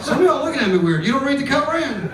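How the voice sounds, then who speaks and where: A comedian voicing a rowdy male sports fan with a thick Southern US accent, hollering and slangy, recorded far off in a roomy club over a loud crowd. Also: very high voice, sing-song, fast talker, heavy background noise, pitched above the performer's own voice.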